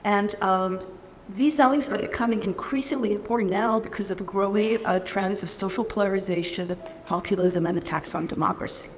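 A woman from Israel giving a keynote lecture at a lectern in a large conference hall, speaking in a measured, earnest way. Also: medium pitch, a little hiss or hum. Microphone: lectern microphone. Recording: reverberant hall, faint ambience.

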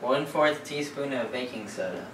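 A man's voice: mid-range voice, expressive, moderate pace. A young man helping in a home kitchen. He reads out recipe steps in a matter-of-fact, lightly teasing way. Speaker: cooking helper. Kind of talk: casual chat, reading recipe steps. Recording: echoey kitchen, distant camera, noisy.

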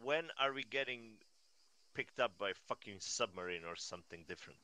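A man's voice: lowish voice, lively intonation, normal speed, bright, forceful tone. A man making dry remarks and swearing a little while playing a co-op military game. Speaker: player. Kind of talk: casual game chat.

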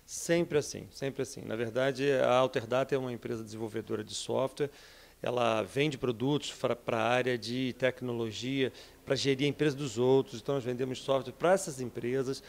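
A Brazilian entrepreneur in his fifties giving an energetic, persuasive interview in an office, speaking into a handheld mic. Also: mid-range voice, normal speed, gravelly. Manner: energetic, persuasive, frequent tag questions. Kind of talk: interview answers. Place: office with bookshelves, indoors.

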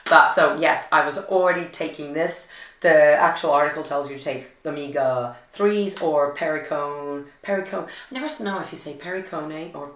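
A young woman vlogging in a chatty, excitable way, her voice hoarse and gravelly from a recent illness. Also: deep voice, normal speed, recorded from a distance. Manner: chatty and excitable, many fillers. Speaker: beauty vlogger. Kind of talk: casual vlog chat. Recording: echoey room, mic set back.

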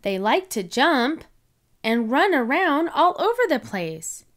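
Expressive woman reading a kids' book aloud, high, slow, sing-song. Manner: animated, expressive. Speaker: children's book reader. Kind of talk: storybook read-aloud.

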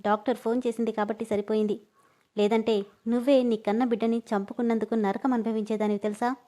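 A talkative sister-in-law comforts and gently scolds in a caring voice, as a woman reads her. She runs on at length in an audio storybook. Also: a little high, flat delivery, quick pace, lightly acted. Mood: consoling.

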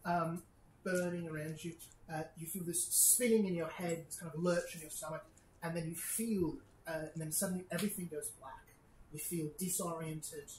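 Low-voiced woman game master, echoey room. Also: fairly even intonation, moderate pace, a little mellow. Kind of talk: improvised tabletop game narration. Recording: roomy echo, clear background noise.

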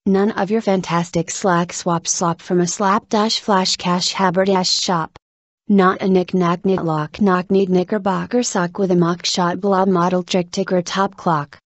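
A woman reading scripted tongue twisters aloud with careful, deliberate articulation. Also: fairly low pitch, dry recording.

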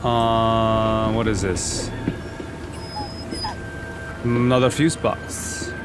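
A young man giving casual, sweary let's-play commentary, often repeating phrases mockingly, close on a desk microphone. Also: mid-range voice. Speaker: gamer commentating on a horror game. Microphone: desk microphone close up, headset on. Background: game music and vehicle noise.

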